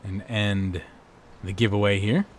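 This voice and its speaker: A man with a hoarse voice, hosting and wrapping up a livestream in a casual, rambling way. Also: on the low side, steady tone, a little slow, a little hiss or hum. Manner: rambling, laid-back. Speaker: livestream host. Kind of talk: casual stream sign-off chat.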